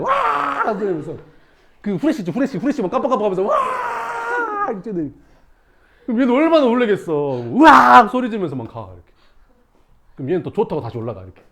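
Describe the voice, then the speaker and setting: Animated male teacher telling a story. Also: high voice, noisy background. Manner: animated, acts out scenes with shouts and sound effects. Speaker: math teacher. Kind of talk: storytelling to students in class.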